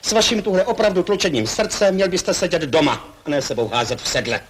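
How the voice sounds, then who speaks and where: A man's voice: sits high, breathy edge, low-quality recording. An actor playing a hot-tempered older landowner and father, who blusters and keeps repeating "yes", in 1960s television stage acting. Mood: blustering. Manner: blustering, repeats "ano" constantly.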